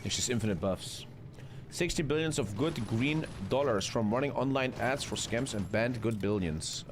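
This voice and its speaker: A man's voice: mid-range voice, normal speed, noisy background. A man, streaming a strategy game live, chatting with his viewers and swearing casually. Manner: swearing, chatty, reading chat aloud. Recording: faint music behind.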